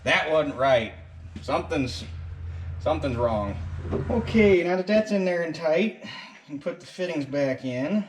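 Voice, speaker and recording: A man's voice: on the high side, animated, measured pace, slight background noise. A man with a rural American accent talks through a hands-on repair casually, in a folksy, salty-tongued way. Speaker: mechanic presenting his own repair.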